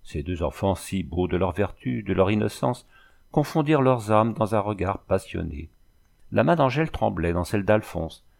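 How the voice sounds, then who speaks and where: Low gravelly male audiobook narrator. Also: lively intonation, a little mellow. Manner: measured literary narration. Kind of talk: audiobook reading of a novel.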